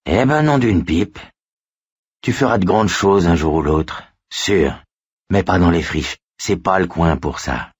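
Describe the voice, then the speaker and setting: Guy reading a gruff old cop, low husky voice, kind underneath. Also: animated, unhurried, no room sound, clean studio sound, exaggerated voice. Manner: gruff, fatherly.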